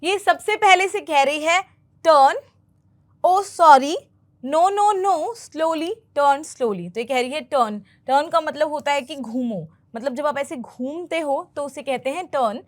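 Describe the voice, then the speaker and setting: A woman teaching English who explains film dialogue line by line, patiently repeating phrases slowly for learners. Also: sits high.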